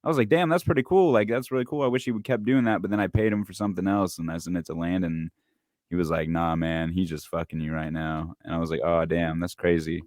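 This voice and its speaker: A man in his twenties, a musician co-hosting a podcast, chats casually and fast in a deep, slightly mellow voice with fairly even intonation. He laughs a lot and swears freely, and the recording is dry and studio quality.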